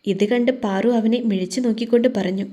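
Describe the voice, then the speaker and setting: A woman narrating a romantic family audio story in a steady, gentle way. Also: fairly high pitch, quick pace.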